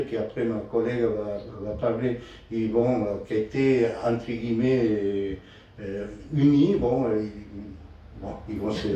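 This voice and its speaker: A man's voice: mid-range voice, warm tone. Muffled, echoey man with foreign Spanish accent. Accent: foreign, Spanish accent in French. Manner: halting, broken non-native phrasing. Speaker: speaker at a political meeting. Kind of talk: improvised political talk. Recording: distant, echoey, dull muffled sound.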